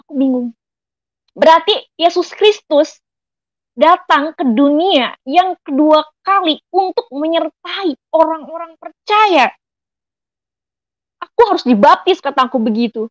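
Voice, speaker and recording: A woman's voice: sits high, lively intonation, unhurried, no echo, low-quality recording. A woman giving an emotional personal faith testimony, telling her story earnestly and often addressing her listeners as friends. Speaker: testimony speaker.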